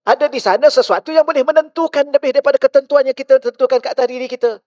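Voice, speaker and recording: A male religious teacher with a Malaysian Malay accent, giving a mosque lecture full of rhetorical questions, shifting between loud and hushed. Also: extremely high pitch, very fast, no echo, studio quality.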